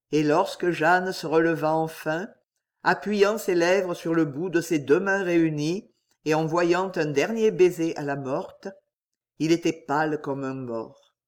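Slow, solemn male audiobook narrator. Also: a little high. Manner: slow, solemn, expressive reading.

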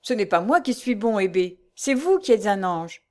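A woman reading the part of a young bedridden man who speaks earnestly and gently in a storybook reading. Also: medium pitch, big pitch swings, normal speed, natural voice.

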